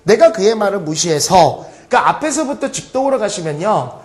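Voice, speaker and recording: A man's voice: high voice, fairly quick. A man teaching an online English grammar lecture, joking and acting out his students' questions. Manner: lively, joking, acts out students' voices.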